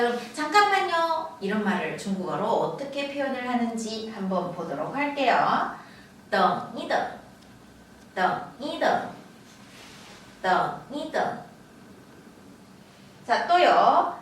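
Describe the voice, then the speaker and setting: A woman's voice: high voice, a bit bright, recorded from a distance, a little hiss or hum. A woman teaching the tones of Chinese, stretching out and repeating each syllable as a model. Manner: slow, drawn-out model pronunciations with repeated syllables. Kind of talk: Chinese tone lesson in Korean. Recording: echoey room, voice from off-mic.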